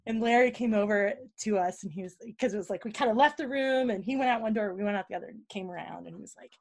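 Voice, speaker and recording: A woman, a podcast guest telling stories in a casual interview, animated and quick to laugh. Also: medium pitch. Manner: animated, laughs often, acts out quotes.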